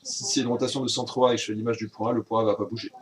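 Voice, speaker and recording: A man's voice: medium pitch, flat delivery, rapid-fire. A man teaching a recorded virtual class recap, explaining step by step with frequent hesitations and self-corrections.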